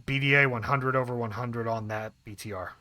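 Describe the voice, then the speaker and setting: A man playing a pilot, making calm, clipped radio calls for fire in military jargon. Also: mid-range voice, brisk. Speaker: A-10 pilot in a military simulation game.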